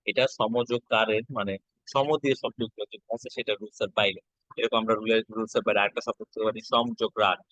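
A man's voice: on the low side, fairly bright tone, dry recording, low-quality recording. A male teacher, giving an exam-prep lesson and patiently repeating each step.

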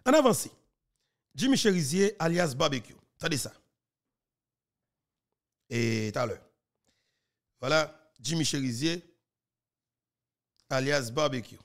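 A man's voice: a little high, animated, slow pace, pauses often. A man in his thirties with a Haitian accent, giving earnest commentary into a studio mic in a small room. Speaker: news commentator. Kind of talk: commentary on a played clip. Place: small plain room, indoors. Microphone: studio mic on a boom, wearing headphones.

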